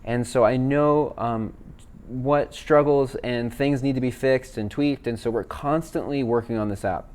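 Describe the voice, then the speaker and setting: A man, a worship leader, walking viewers through app features in a relaxed, chatty way with fillers. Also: mid-range voice, a little slow. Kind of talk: casual software demo. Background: backing tracks playing.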